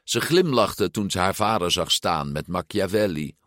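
Male storyteller, slow, expressive, lowish voice, dry close sound. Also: no room sound. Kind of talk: storybook read-aloud narration.

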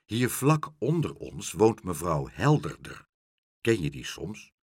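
Brief: man playing a booming, busy storybook father, loud and hearty, husky edge. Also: big pitch swings, slow, no room sound, clean studio sound, heavily acted. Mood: chatty. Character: boisterous hospitable father cooking fries.

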